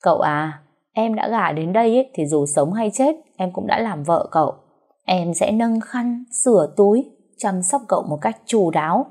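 A woman's voice: medium pitch, expressive, moderate pace, a little mellow. A woman voicing a sly young woman who speaks sweetly and pitifully. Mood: plaintive. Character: falsely meek young concubine, sly.

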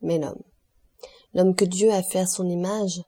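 Cold ironic count, aristocratic man, declaiming, read by a woman, low, husky, audiobook. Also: steady tone, unhurried, warm tone.

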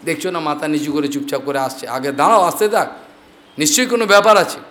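A man's voice: on the high side, quick pace, a bit bright, close to an everyday voice. A man voicing a proud, commanding male demon king in a storytelling sermon.

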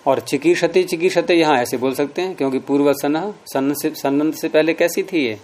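A man teaching a grammar lesson, repeating word forms slowly and explaining rules step by step. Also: fairly high pitch, a little mellow.

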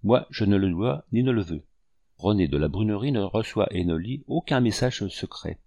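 Un homme qui prête sa voix à une jeune femme ardente et émotive, dans un livre audio. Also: male voice, on the low side, expressive, moderate pace, mellow, dry recording. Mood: stirred. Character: young woman, eager, emotional, noble-hearted.

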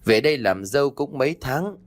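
A man's voice: medium pitch, animated, a little fast, voice pushed up, natural voice. A man voicing a scheming old village woman, bossy and sweet-talking. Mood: coaxing.

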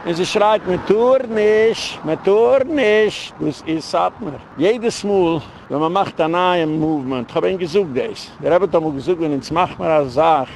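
A man's voice: a little high, moderate pace, creaky, hardly any pauses, slight background noise. A man, a rabbi, delivering a heated, rambling lecture in an emphatic way, dropping English words into his speech.

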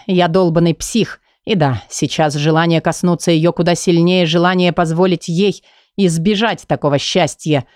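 A man narrating a dark romance audiobook in the first person, in a brooding, intense and intimate way. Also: a little high, no echo, studio quality. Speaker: audiobook reader.

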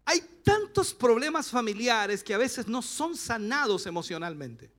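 Male Chilean pastor, sermon delivery, high and bright, rousing with joking asides. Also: very animated, unhurried. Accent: Chilean Spanish. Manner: rousing, rhetorical questions, playful asides. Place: church service.

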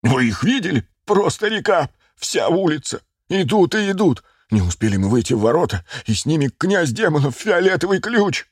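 A man's voice: fairly high pitch, sing-song, normal speed, few pauses, no echo, studio quality, voice pushed up. A man voicing a panicked garrison general who blurts out frightened, breathless reports. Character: panicked male garrison general, wild-eyed.

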